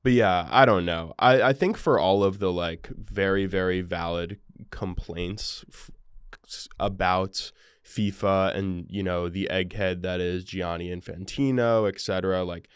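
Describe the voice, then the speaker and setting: Low-voiced rambling young man. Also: unhurried, clear, resonant tone, no room sound, clean studio sound. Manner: wry, rambling, heavy on fillers. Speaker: podcast co-host. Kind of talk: casual chat.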